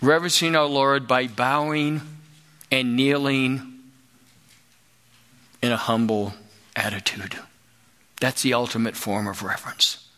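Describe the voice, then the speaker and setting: A middle-aged man preaching a sermon, slow and emphatic, rising to loud exclamations. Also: medium pitch, fairly even intonation.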